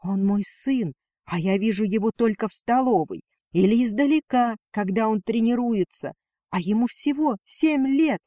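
A man voicing a fierce, protective dragoness mother in a storybook reading, his voice pushed higher and emotional. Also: expressive, unhurried, a little mellow, no echo, studio quality. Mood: indignant. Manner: pleading then defiant, raised voice.

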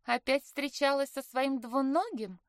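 A woman's voice: sits high, lively intonation, normal speed, no echo, studio quality, pitched above the performer's own voice. A woman voicing a teasing, playful young mermaid sister in an audiobook, lilting and needling. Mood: mocking. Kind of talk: audiobook character voice.

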